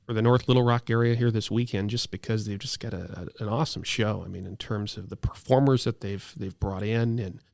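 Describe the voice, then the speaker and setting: A man's voice: lowish voice, a little fast, gravelly, few pauses, a little mellow, dry recording, studio quality. A man in his thirties, an air show announcer, telling stories enthusiastically in a casual interview. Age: 30s.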